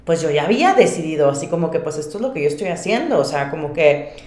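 A woman's voice: deep voice, animated, fast, a little mellow. A woman with a northern Mexican accent from Monterrey tells her own story in a casual interview, chatty and often interrupting herself to quote her own thoughts. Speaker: podcast guest, independent singer and artist. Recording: roomy, echoey sound.

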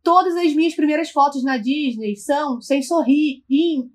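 A Brazilian woman with a Brazilian Portuguese accent telling a personal story in casual chat, animated and dramatic, swearing freely. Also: sits high, normal speed.

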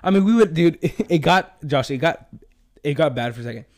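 Young guy talking church stuff, kinda high voice, rambles, dude this dude that. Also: expressive, a little fast. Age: young adult. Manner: rambling, says "dude" a lot. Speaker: podcast host. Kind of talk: casual chat.

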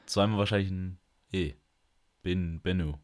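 A man's voice: sits low, steady tone, measured pace. A man co-hosting a casual podcast chat, joking around, laughing often and using slang. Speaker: podcast co-host.

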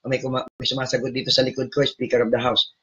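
Loud Filipino preacher, husky lo-fi sound. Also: male voice, mid-range voice, monotone, quick pace. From Philippines. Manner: switches between Tagalog and English, asks the audience questions; loud, emphatic delivery. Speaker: preacher leading online prayer. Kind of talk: sermon and prayer.

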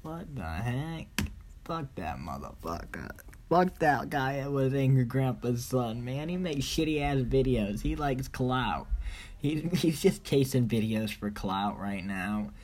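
Brief: man, average pitch, rambling profane vlog monologue, boastful, broken grammar. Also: measured pace, darkish tone. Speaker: vlogger. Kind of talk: rambling casual monologue to camera.

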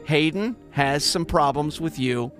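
A male radio host running a call-in segment, brisk and wry, taking charge of the callers. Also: fairly high pitch, a bit bright, soft background music.

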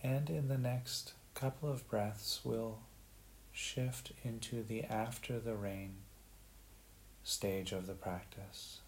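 A man leading a guided meditation in a gentle, unhurried way, leaving long pauses. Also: lowish voice, fairly even intonation, rough recording. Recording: faint background hiss.

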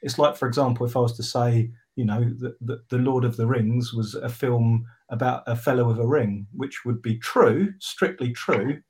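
A man with a mid-pitched voice explaining his ideas through analogies in a casual discussion. His delivery is halting, with pauses and fillers as he works through his point. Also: fairly even intonation, a little mellow.

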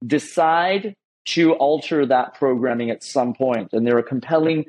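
A man's voice: mid-range voice, darkish tone, low-quality recording. A male podcast host in casual interview chat, who stumbles and repeats words as he gets going. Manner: halting, repeats words as he starts.

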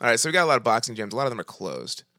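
A man's voice: medium pitch, huge pitch swings, racing, bright, forceful tone, no room sound, clean studio sound. A man hosting a casual podcast, joking around with friends and making a prank phone call, talking loosely with many restarts. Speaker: prank caller and podcast host.

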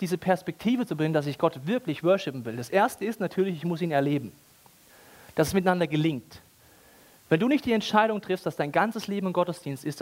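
A man preaching a casual, ironic sermon with everyday language and humor. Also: high voice. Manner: animated, ironic, colloquial.

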